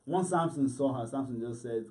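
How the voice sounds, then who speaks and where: A man's voice: mid-range voice, brisk, recorded from a distance. A man casually retelling a story on a podcast, profane and acting out the quotes. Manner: animated, profane, acts out quotes. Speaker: podcast co-host.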